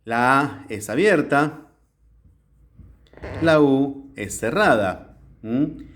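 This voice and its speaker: A man teaches a grammar lesson in a classroom, filmed by a camera across the room. His voice sits at a middle pitch but moves up and down with a lot of life. He explains each step patiently and keeps checking that the class is following. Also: lively intonation, extremely slow, slight background noise. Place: classroom with a whiteboard.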